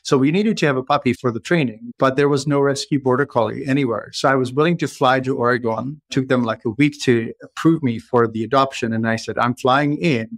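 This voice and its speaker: A man with a Czech accent hosts a casual podcast chat, drifting into long personal stories. His voice sits at an ordinary middle pitch. The recording is dry and close with no room sound. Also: no echo. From Czech Republic. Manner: rambling, personal storytelling. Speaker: podcast host.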